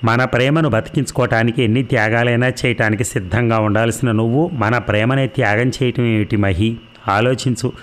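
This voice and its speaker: A man's voice: medium pitch, steady tone, fairly quick, close to an everyday voice. A man voicing a young woman in love, pleading and tearful, in an emotional reading of a novel.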